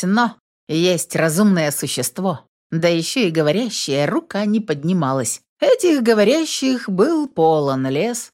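A woman narrating a storybook in a low voice that rises and falls in a lively way. She reads with a wry, expressive touch. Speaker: audiobook narrator.

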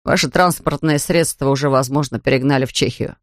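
A man voicing a weary policeman, lowered voice, official tone, dry close recording, storybook audiobook. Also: steady tone, brisk, no room sound, close to an everyday voice. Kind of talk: audiobook character voice.

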